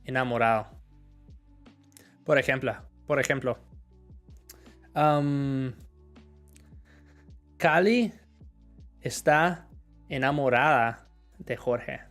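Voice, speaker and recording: A man's voice: medium pitch, drawn-out words, long pauses, a bit bright, faint music behind. A male teacher answering viewer questions in a live lesson, switching between Spanish explanations and examples. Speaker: English teacher.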